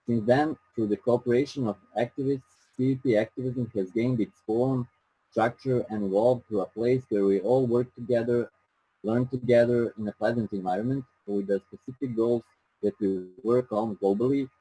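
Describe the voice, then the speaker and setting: A man from Serbia with a Serbian accent, giving a careful presentation with frequent pauses. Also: lowish voice, dark tone, no room sound, low-quality recording. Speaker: activist presenter.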